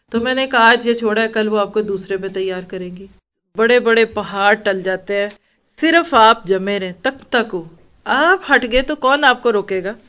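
A woman teaching an Islamic lecture to women, earnest and counseling, reciting Arabic verses slowly between her advice. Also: a little high, fairly bright tone.

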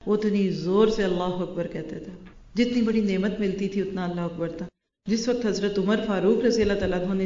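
A woman's voice: mid-range voice, darkish tone. A woman teaching a Quran lesson to a class of women, asking her listeners question after question. Her voice sits in the middle of the range. The recording is muffled and lo-fi, with a noticeable room echo. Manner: asks the class rhetorical questions. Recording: roomy, dull lo-fi recording.

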